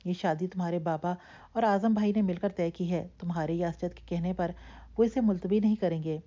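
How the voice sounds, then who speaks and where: Woman narrator doing a strict mom laying down rules, clipped and sharp, dull lo-fi audio. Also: on the low side, lightly acted. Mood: stern. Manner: sharp, then somewhat softer. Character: stern middle-aged mother.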